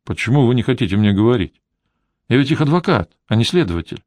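Man as a calm, insistent private detective. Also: medium pitch, fast talker, no room sound, lightly acted. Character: persistent male private detective, calm, probing.

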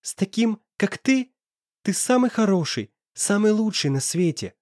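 A man's voice: high voice, very animated, measured pace, darkish tone, no room sound, studio quality, voice pushed up. A man doing a tearful pleading young woman. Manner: sobbing, desperate pleading.

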